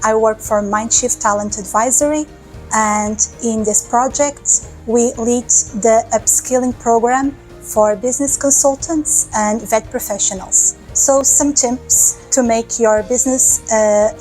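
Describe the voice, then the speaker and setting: A woman from Portugal, a project partner, talking to camera and calmly listing practical tips for businesses. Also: a little high, unhurried, soft background music, rough recording. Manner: steady, advisory, lists tips. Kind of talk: talking to camera in a promo clip.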